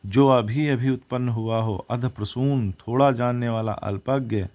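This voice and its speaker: A man's voice: mid-range voice, fairly even intonation, unhurried, darkish tone. A man teaching exam vocabulary, reciting words and their opposites one after another and correcting himself as he goes.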